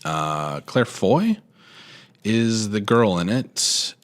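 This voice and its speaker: A male co-host talks in a very low voice. He chats in a relaxed, rambling way, with plenty of fillers. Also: extremely slow. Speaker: podcast co-host. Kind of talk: casual chat about movies.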